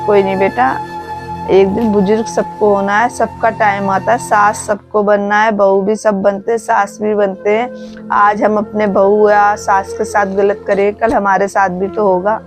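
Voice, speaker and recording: A woman playing a gentle elderly mother-in-law, flat and even. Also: medium pitch, measured pace, close to an everyday voice. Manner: soft, patient, pleading. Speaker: actor in a family drama skit. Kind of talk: home-made family drama acting. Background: background music.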